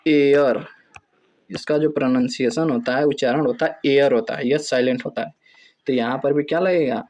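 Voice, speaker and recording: A man's voice: medium pitch, fairly even intonation, normal speed, darkish tone, a little hiss or hum. A man with a Hindi accent teaching English grammar, explaining step by step and asking questions he then answers himself. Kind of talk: classroom-style lesson.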